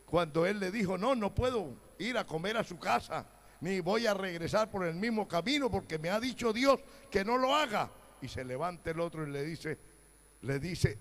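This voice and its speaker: Un hombre que predica un sermón con voz ronca y granulosa. Su ritmo es lento y pausado, y remeda con burla las voces de otros. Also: male voice, high-pitched. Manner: emphatic preaching with sudden loud outbursts and mocking quoted voices. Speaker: pastor. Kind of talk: sermon.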